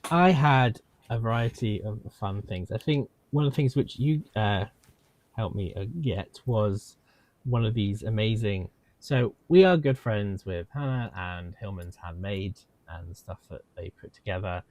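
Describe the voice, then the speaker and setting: Animated man, dry close sound. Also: on the low side, measured pace, no room sound. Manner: animated and playful, hosting segments. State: unwell, voice strained. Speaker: podcast co-host. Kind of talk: casual podcast chat.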